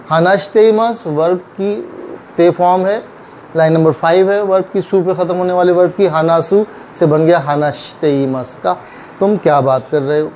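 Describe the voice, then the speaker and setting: A man teaching a kanji lesson, explaining slowly and patiently and repeating each reading. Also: on the high side, darkish tone, slight background noise, rough recording. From Pakistan. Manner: slow, patient, repeats words, checks in with "theek hai". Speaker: Japanese language teacher.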